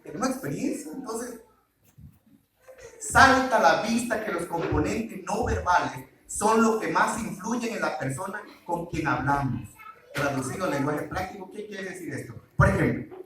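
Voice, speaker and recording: A man's voice: high voice, animated, moderate pace, background noise. A man preaching a sermon on marriage, quizzing the congregation with call-and-response questions. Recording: very echoey hall, mic far off.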